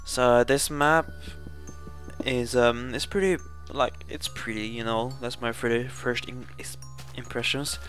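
The young Swedish-accented host talks slowly in a mid-range, slightly bright voice with fairly even intonation. It's relaxed Let's Play commentary for his gaming channel, full of fillers and self-corrections, over game music.

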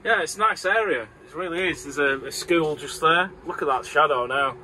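A man's voice: fairly high pitch, normal speed, pushed and bright, slight background noise, rough recording. A man from Morecambe with a northern English accent, rambling casually as he talks through his work as a crane operator from inside the cab. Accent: northern English, Lancashire. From Morecambe, northern England. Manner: chatty and rambling, with easy chuckles. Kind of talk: casual vlog commentary. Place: inside a tower crane cab high above a site.

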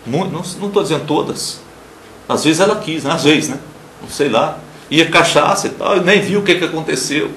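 Emphatic Brazilian pastor, lively and roomy. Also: male voice, a little high, a little hiss or hum. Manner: emphatic preaching, swinging between loud declarations and soft murmurs; acts out quoted people in raised voices. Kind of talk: televised sermon. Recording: roomy with faint ambience.

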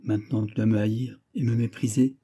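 A man voicing a guilt-ridden young knight, speaking low and grave with a husky voice. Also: fairly even intonation, brisk, warm tone. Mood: sorrowful. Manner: low, grave, sorrowful delivery.

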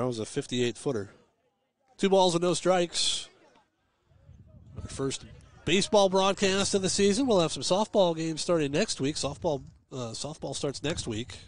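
A man calling live high school baseball on the radio from a ballpark press box, giving steady pitch-by-pitch calls with chatty, folksy asides. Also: no echo. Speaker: play-by-play radio announcer. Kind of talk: live radio sports commentary.

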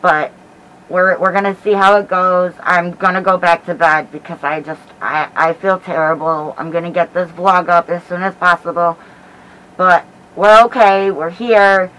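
A middle-aged American woman giving a casual vlog update in a hesitant, halting way while feeling sick with a headache. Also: lowish voice, steady tone, a bit bright, low-quality recording. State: unwell with headache and nausea. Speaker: paranormal vlogger. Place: small dim bedroom, indoors. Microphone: camera mic at about arm's length, through a cloth face mask.

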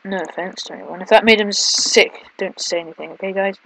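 A woman doing excitable, casual let's play commentary, mixing drawn-out exclamations with quieter asides. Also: mid-range voice, creaky, a little hiss or hum, low-quality recording. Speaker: gaming video host.

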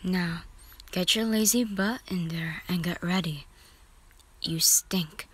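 A cocky teenage boy teases and bosses the listener in a whispered role-play, as a woman puts him on. His hushed voice sits a little lower, unhurried and playful. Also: slightly rough. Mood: teasing. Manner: teasing, bossy, whispered.

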